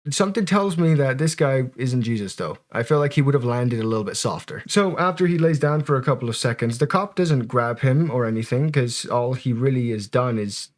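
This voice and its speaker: A man delivers casual reaction commentary at a middling pitch. He sounds wry and joking, talking loosely to his viewers and dropping swear words as he goes. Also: expressive, fairly quick, hardly any pauses. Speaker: commentator reacting to bodycam footage.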